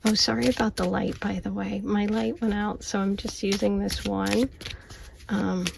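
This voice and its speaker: A woman giving a casual tarot and oracle card reading in a soft whisper at home at night, intuitive and reassuring, often saying okay. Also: medium pitch, little pitch movement, normal speed, creaky, noisy background. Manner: whispering softly, often unvoiced. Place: home at night, lamp light.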